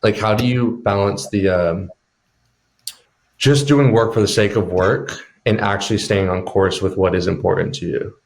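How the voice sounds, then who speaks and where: Low-voiced reflective man guest. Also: moderate pace, gravelly. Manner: reflective, asks searching questions. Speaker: podcast guest. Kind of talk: casual interview chat.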